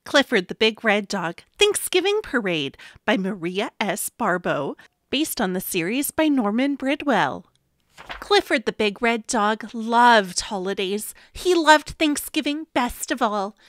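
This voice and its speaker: A woman narrates a children's picture book in an expressive, playful storytelling manner. Her voice sits high and swoops animatedly, taken at a slow, careful pace. The sound is close and dry. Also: no echo. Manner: gently addresses young listeners. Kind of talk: children's read-aloud narration.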